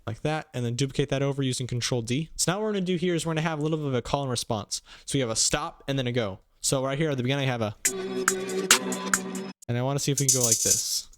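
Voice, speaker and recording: Fast-talking young man over loud beats. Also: medium pitch. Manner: upbeat, quick, hums drum patterns aloud. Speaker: beat-making tutorial host. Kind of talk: casual beat-making tutorial. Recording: loud music playing under the voice. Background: beats playing from the production software.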